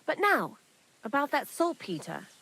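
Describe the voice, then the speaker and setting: A woman's voice: high-pitched, sing-song, a little slow, bright, forceful tone, full character voice. An actress voicing a sly, chatty medieval woman thief who hides out in a lair, talking bluntly and earthily in game dialogue.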